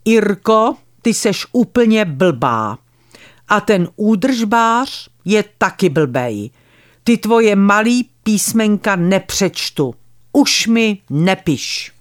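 A contemptuous old woman in her eighties who talks bluntly and confides in low, slow tones, as a woman reading a memoir puts her on. It is a dry, close storybook reading with a slightly lowered voice. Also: big pitch swings, no room sound, lightly acted.

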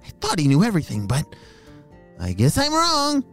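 A man plays an excitable young frog from a children's story. The voice sits high and swoops all over as he exclaims and gasps, eager and a little breathless. Soft music plays faintly behind. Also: moderate pace, heavily acted. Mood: puzzled. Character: excitable young male spring peeper frog.

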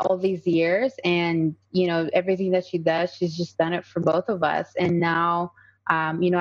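Speaking as a guest in a casual podcast conversation, a woman in her thirties from Colombia talks earnestly with lots of fillers and restarts. She's a native Spanish speaker with a Colombian accent and a fairly low pitch, captured on a muffled recording.

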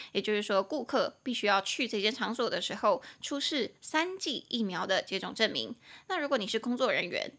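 A young woman with a Taiwanese Mandarin accent hosts a podcast English lesson, chatty and playful, slowing down to spell out and drill new words. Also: mid-range voice, bright, forceful tone. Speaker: English teacher and podcast host. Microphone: podcast microphone.

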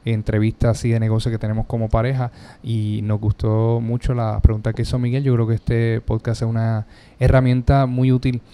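A man's voice: mid-range voice, flat delivery, a little fast, mellow, slight background noise. A man, a guest on a podcast interview, speaking politely and earnestly. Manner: polite, earnest, uses fillers. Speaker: interview guest, business co-founder. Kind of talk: conversational interview.

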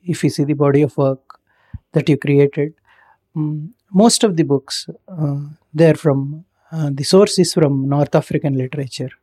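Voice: mid-range voice, fairly even intonation, unhurried, warm tone, slightly rough. An interviewer asking questions hesitantly, with many filler sounds.

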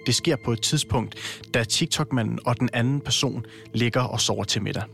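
A man's voice: medium pitch, creaky, fairly bright tone, soft background music. Man narrating a documentary. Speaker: host and narrator.

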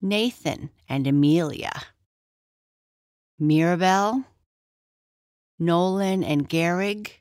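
A woman hosting and narrating bedtime stories for children, gently and unhurriedly, as if tucking them in for the night. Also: fairly low pitch, no room sound, studio quality. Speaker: host and narrator of a children's bedtime story podcast. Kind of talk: slow bedtime storytelling.

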